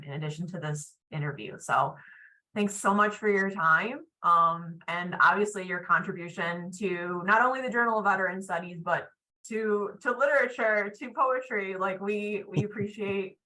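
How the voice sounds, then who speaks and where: A woman interviewing as a journal editor, appreciative and thanking her guest, with frequent "um" pauses over a video call. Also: fairly low pitch, bright, forceful tone, low-quality recording. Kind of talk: interview wrap-up.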